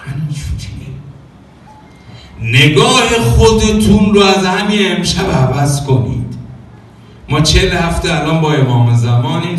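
Heard at a distance in an echoey hall, a man preaches with animation, weaving stories into his sermon, voicing the characters' dialogue and singing a few phrases. His voice sits a little high, and there's a faint hiss or hum.

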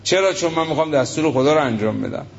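A man's voice: on the high side, expressive, vocal fry. A man preaching a sermon, emphatic, asking rhetorical questions and retelling stories with acted quotes. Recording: lo-fi muffled recording.

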